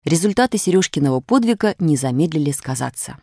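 A woman's voice: low-pitched, animated, quick pace, dark tone, no room sound, studio quality. A woman narrating a story, reading it aloud with expression.

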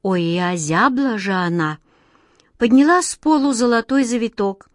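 Fairy-tale narrator: woman, rather high voice, gentle and expressive, dry close studio sound. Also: normal speed, no room sound. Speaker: storyteller.

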